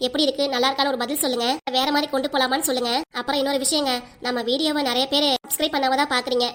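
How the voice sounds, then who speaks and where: A woman's voice: high voice, fairly even intonation, rapid-fire, fairly bright tone. A woman cartoon creator with a southern Tamil accent, chatting and thanking her viewers in a casual sign-off.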